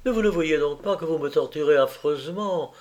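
A man's voice: a little high, fairly quick, pitched above the performer's own voice, close to an everyday voice. A man reading aloud as an anguished, insistent young woman, raising his voice in pleading emotion.

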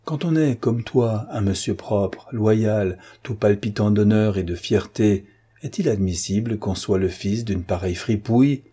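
A man voicing a forceful, commanding gentleman adventurer in an audiobook, speaking insistently and emphatically. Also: fairly low pitch, measured pace, breathy edge. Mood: persuasive. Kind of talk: audiobook character reading.

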